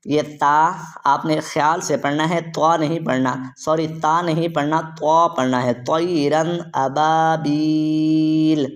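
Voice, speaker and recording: A man's voice: on the high side, steady tone, a bit bright. Man drilling recitation syllable by syllable. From Pakistan. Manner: drills by asking how it is read, then answering; drawn-out melodic recitation of verses. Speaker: Quran recitation teacher. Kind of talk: tajweed lesson, spelling out syllables.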